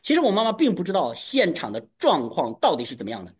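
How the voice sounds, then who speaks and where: A man preaching to his congregation, telling a personal testimony with animated, emphatic storytelling. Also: high voice, quick pace, slightly rough. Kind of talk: testimony sermon.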